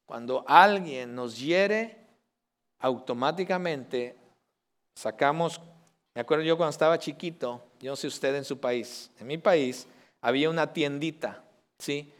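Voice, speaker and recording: A Mexican pastor preaching to his congregation, his voice sitting a little high for a man. He swings from loud, emphatic declarations to soft, close asides. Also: unhurried. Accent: Mexican Spanish. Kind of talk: sermon.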